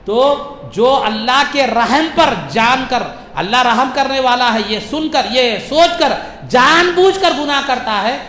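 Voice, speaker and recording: A man preaching a sermon, repeating his phrases and rising into shouts. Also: very high-pitched, roomy sound, slight background noise.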